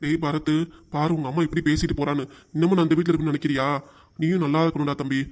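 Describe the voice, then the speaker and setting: A man's voice: on the high side, level tone, very fast, natural voice. A man voicing a weary cartoon dad. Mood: pleading. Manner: soft, pleading and defensive. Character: weary, patient middle-aged father and husband. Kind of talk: cartoon voice acting.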